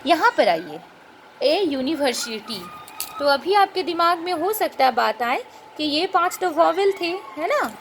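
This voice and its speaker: A woman teaching a grammar lesson. She explains patiently, checks in with rhetorical questions, and spells out and repeats sounds slowly. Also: high-pitched, very animated, fairly bright tone, slight background noise.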